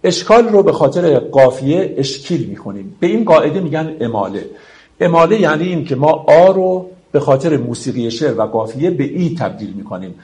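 A man's voice: a little high, very animated, a little mellow. A man giving a reflective lecture on classical poetry, reciting verses and explaining them patiently to his listeners. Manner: explains slowly, recites verse, addresses friends.

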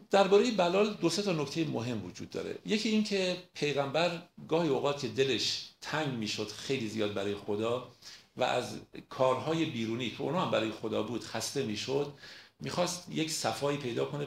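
A man giving a storytelling lecture on mystical poetry, who slows right down and draws out the lines when he recites verse. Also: medium pitch, vocal fry. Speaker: lecturer on Rumi. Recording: roomy echo.

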